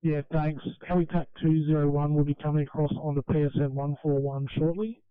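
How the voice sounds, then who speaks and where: Tinny two-way radio, aussie guy dispatching, clear slightly high voice, procedural. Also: little pitch movement, a little fast, no echo. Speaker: emergency operations radio dispatcher. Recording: narrow, tinny emergency radio channel.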